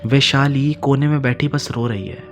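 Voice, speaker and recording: A man narrating a horror story in a dramatic way, repeating phrases and swinging between loud emphasis and hushed lines. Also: medium pitch, normal speed, loud music behind the voice.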